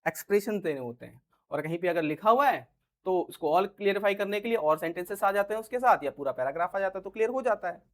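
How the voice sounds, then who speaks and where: A man's voice: high voice, animated, fast. A male teacher giving a casual grammar lesson in Hindi, chatty and repetitive, often saying "theek hai" and acting out example sentences in different tones. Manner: chatty, repeats "ठीक है", acts out example lines in different tones. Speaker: English teacher.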